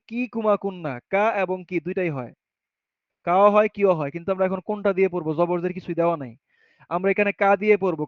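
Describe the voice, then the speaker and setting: A man with a fairly high voice teaches Arabic grammar patiently, one step at a time. He reads the example sentences slowly and answers his own questions as he goes. The sound is dry and close, with a dull, slightly muffled tone. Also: no room sound. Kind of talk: classroom grammar lesson.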